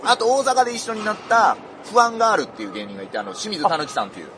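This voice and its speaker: A male comedian co-hosting a casual radio chat, telling stories rowdily with coarse slang and loud outbursts. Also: high voice, huge pitch swings, racing, over a noisy crowd. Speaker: comedian co-host.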